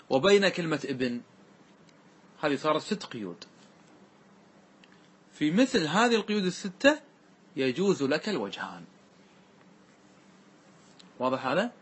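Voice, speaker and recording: A man teaches grammar in a classroom-lecture style, going step by step and often checking that his students follow. His voice is fairly high, fairly bright and husky, and he recites verses slowly and deliberately.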